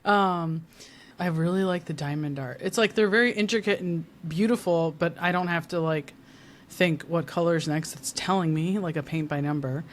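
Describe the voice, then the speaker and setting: A woman's voice: lowish voice, moderate pace, slight background noise. A woman who works in marketing, a podcast guest who talks in a bubbly, rambling way with many fillers and frequent laughs. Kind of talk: casual podcast conversation.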